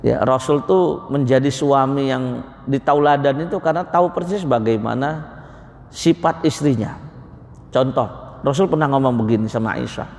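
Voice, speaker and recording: A middle-aged man giving a conversational mosque sermon as a preacher, telling lively stories and acting out everyday dialogues. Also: medium pitch, normal speed, creaky. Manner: lively storyteller who acts out everyday dialogues. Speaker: Islamic preacher. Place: mosque hall. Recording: long reverb of a mosque hall.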